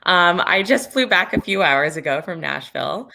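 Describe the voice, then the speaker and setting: A woman with a slightly low voice, left hoarse and raspy, gives a casual online talk as a travel advisor. She chats along with plenty of fillers, heard over a video call. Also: expressive, moderate pace, sharp tone, a little hiss or hum. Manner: chatty, many fillers.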